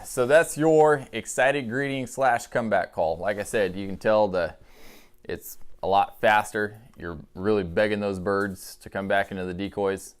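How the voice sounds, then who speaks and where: A man giving a casual, folksy instructional demonstration in a clear voice, as a calling instructor. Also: fairly low pitch, fairly even intonation, normal speed.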